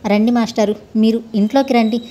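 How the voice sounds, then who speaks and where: A woman voicing a hot-tempered young man who blusters loudly and threatens his rival, in a storybook reading. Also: fairly high pitch, steady tone, fairly quick, slight background noise, close to an everyday voice. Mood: heated. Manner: loud, blustering.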